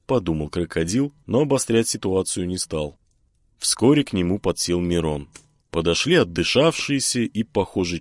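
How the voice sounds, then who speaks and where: A man narrating an audiobook in an expressive way. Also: sits low, no echo.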